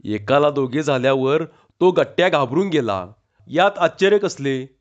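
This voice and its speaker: A man reading a humorous short story aloud with expressive, lively narration. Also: a little high, moderate pace. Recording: dull lo-fi recording.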